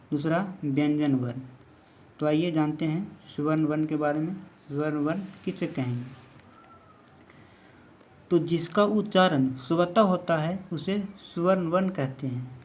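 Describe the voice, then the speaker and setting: Man, teacher, grammar lesson, slow delivery, patient step-by-step explaining, slightly high voice. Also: a little mellow.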